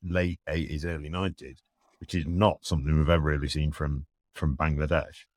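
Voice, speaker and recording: A man with an extremely deep voice, captured dry. He gives casual sports analysis as a podcast co-host, understated and a little hesitant, keeping his voice quiet. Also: flat delivery, brisk, no echo. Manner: speaks quietly at home late at night.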